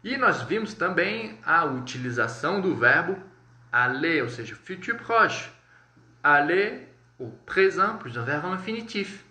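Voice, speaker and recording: A man with a Brazilian Portuguese accent teaching a live online French lesson, explaining step by step, checking in often with viewers and saying French words slowly and clearly. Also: on the high side, sing-song, pushed and bright. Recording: echoey room.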